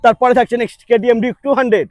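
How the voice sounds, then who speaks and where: A man with a West Bengal accent hosts a hard-sell promotional video in a strikingly high voice. His delivery is extremely fast, full of hype and haggling exclamations. The sound is dry. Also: steady tone, no echo. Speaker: video host presenting a dealer's stock. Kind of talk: excited promotional vlog banter.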